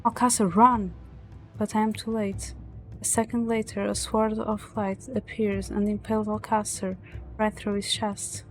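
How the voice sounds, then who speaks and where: Even-toned woman narrating a visual novel. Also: medium pitch, moderate pace, soft background music. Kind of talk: read-aloud story narration.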